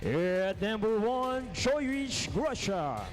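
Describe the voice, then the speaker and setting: A man calling player introductions in an indoor arena, stretching out the names in a booming way over the public address system. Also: sing-song, loud music behind the voice. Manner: drawn-out, booming name calls. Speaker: arena announcer.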